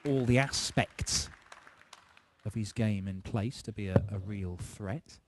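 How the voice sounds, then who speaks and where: A man's voice: on the low side, takes it slowly, over a noisy crowd. A man giving live darts commentary with conversational analysis of the players and the play. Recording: clearly noisy live sports broadcast.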